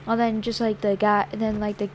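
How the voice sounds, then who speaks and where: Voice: mid-range voice, level tone, fairly quick. A child or young teen telling a story in a casual vlog, in an exasperated, sarcastic way and acting out bits of dialogue. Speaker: vlogger. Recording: noisy home-made recording with ambient noise.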